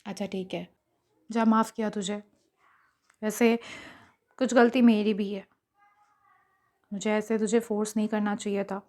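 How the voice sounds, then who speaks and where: A woman narrator voicing a lively young woman who is the best friend, teasing and dramatic. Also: mid-range voice, unhurried, pauses often, pitched below the performer's own voice, lightly acted. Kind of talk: audio story character voice.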